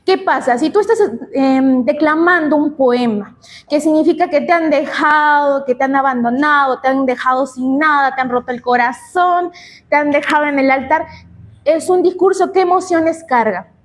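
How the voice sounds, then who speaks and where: Woman, Peruvian accent, young adult, high voice, conference lecture, rhetorical questions. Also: normal speed. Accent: Peruvian Spanish. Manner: expressive, asks rhetorical questions and answers them. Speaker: speaker at a regional congress. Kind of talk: conference talk on public speaking.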